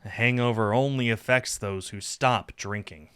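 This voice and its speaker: A man gives voice to a lazy, hard-drinking satyr from a visual novel game, a sulky and sarcastic slacker who whines dramatically while anxiously trying to soothe himself. His voice is lowish, a bit bright, smooth and natural, at a normal speed.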